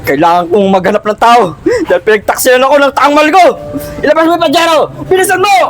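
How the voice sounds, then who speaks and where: A man's voice: high voice, expressive, fast, faint music behind. Man doing a jealous, boastful rich suitor. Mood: angry. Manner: dramatic, ranting, theatrical.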